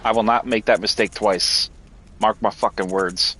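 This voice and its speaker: A man's voice: lowish voice, steady tone, moderate pace, a bit bright, a little hiss or hum. A man streaming a video game, giving live commentary while frustrated, swearing often and stumbling over restarts. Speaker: gameplay streamer.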